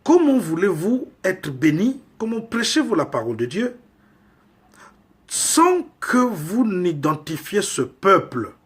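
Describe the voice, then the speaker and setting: Slow husky male preacher. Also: high-pitched, very animated. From Congo. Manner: slow, emphatic preaching with rhetorical questions. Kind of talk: sermon.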